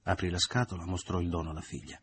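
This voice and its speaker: A man narrating a novel in a measured literary reading. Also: sits low, level tone, a little hiss or hum. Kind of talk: audiobook reading.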